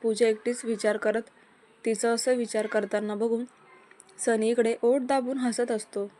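A woman reading a romance story aloud in Marathi, voicing each character's lines in a lively way. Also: a little high, measured pace.

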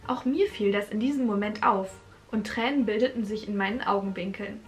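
A woman's voice: medium pitch, fairly quick, faint music behind. A young woman reading her own teenage crime story aloud and breaking off for sarcastic comments on the writing. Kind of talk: reading aloud with joking asides.

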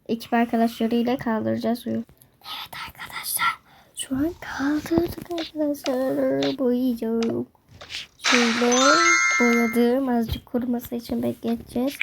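A woman with a slightly high voice chats through a prank vlog, slipping into whispers when she lets viewers in on her plans. The recording is noisy, with steady hiss and clicks behind her voice. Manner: addresses viewers as friends, often drops to a whisper. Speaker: prank vlogger. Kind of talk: casual vlog narration with whispered asides to viewers.

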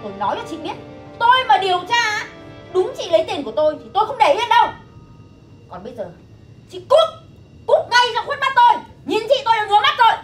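A woman's voice: sing-song, rapid-fire, few pauses, faint music behind, rough recording. An actress playing a suspicious, scolding middle-aged mother-in-law in a TV drama. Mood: furious. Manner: scolding, shrill when angry. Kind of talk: TV drama acting.

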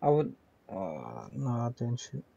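A man's voice: mid-range voice, huge pitch swings, unhurried, gravelly, mellow, husky, dry recording, dull audio. A man chatting while gaming, giving advice and often restarting his sentences. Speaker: player. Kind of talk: casual game chat.

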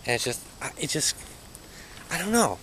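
With a fairly high, fairly bright, sing-song voice at a moderate pace, a young man films himself exploring an overgrown yard outdoors on a handheld camera. His talk is hesitant and uneasy, trailing off mid-sentence, over a rough recording with a little hiss or hum.

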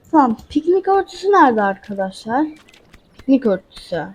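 A woman with a high, airy voice gives casual let's-play commentary, chatting to her viewers as she plays. Her tone is soft and a little breathy. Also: muffled recording. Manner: chatty, talks to viewers and the game character. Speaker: gaming channel host.

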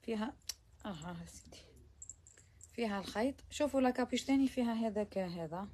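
Slightly high and expressive, her warm voice moves fast over a bit of background noise. She's an Algerian Arabic speaker presenting abayas in a chatty live try-on walkthrough, praising every item, peppering her talk with French, and sometimes lowering to almost a whisper.

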